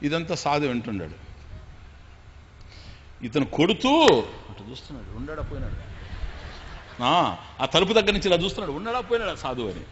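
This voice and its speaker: Male spiritual speaker telling a story with lively acting; muffled hall sound, faint noise. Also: a little high, fairly quick, long pauses. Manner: animated, acting out every character. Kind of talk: storytelling discourse.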